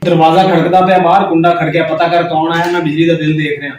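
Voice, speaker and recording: A man's voice: a little high, flat delivery, quick pace, close to an everyday voice. A man playing a grumbling, exasperated, sarcastic husband with a Pakistani Punjabi accent in a family comedy skit. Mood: matter-of-fact. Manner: complaining, repetitive ranting. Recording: very echoey room, distant mic, noise.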